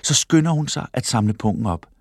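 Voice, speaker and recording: A man narrating a children's book in an expressive storytelling manner. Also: mid-range voice, no room sound, clean studio sound. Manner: expressive storytelling, voices the characters. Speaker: audiobook narrator.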